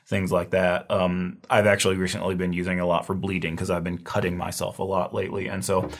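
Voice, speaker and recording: An herbal medicine instructor runs a casual review lecture, rambling loosely and using lots of fillers. His deep voice is scratchy and giving out, with little pitch movement and a brisk pace.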